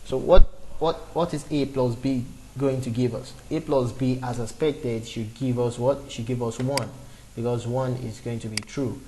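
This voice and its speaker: This twenty-something programming tutor improvises a beginner lesson over a screen recording, talking through every step with fillers and restarts. His mid-range, mellow voice moves at a moderate pace with fairly even intonation. The poor audio carries a little hiss or hum.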